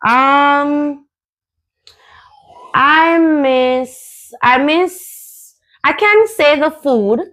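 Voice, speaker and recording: A woman from Jamaica hosts a casual conversation in a Jamaican accent. She talks in a relaxed, chatty way and fills pauses with ums. Her voice sits a little high. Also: poor audio. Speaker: host.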